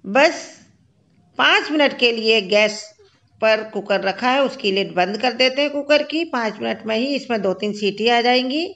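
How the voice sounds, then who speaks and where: A woman's voice: fairly high pitch, unhurried, fairly bright tone, highs cut off. A woman hosting a cooking channel, explaining each step of a home recipe in a chatty voice-over from her kitchen.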